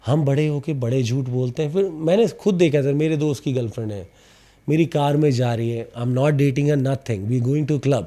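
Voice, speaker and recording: Speaking at medium pitch and an ordinary pace, an actor recounts lively tales for a laid-back podcast, with a mild stammer and the occasional English phrase.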